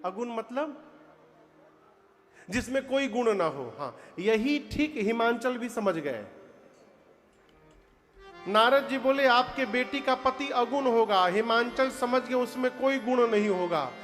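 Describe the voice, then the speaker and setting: A very high-voiced male preacher with an eastern Uttar Pradesh accent tells a devotional story slowly and deliberately, breaking into sung verses and pressing the listeners to answer aloud. His voice rings out in a large hall with long reverb, and soft devotional music plays behind him. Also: animated. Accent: eastern Uttar Pradesh (Purvanchal) Hindi. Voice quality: asks the audience to answer aloud. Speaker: Ram katha preacher.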